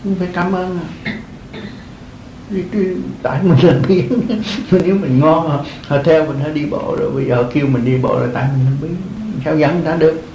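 A man's voice: a little high, fast, darkish tone, roomy sound, a little hiss or hum, poor audio. An older man, a monk, giving an earnest dharma talk to lay followers, repeating his phrases and chuckling often. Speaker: Buddhist monk teaching.

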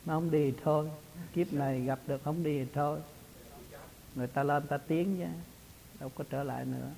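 A man's voice: fairly high pitch, fairly even intonation, fairly quick, creaky, mellow, a little hiss or hum, rough recording. A man, a spiritual teacher talking casually in a folksy, storytelling way and laughing often. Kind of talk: casual religious talk.

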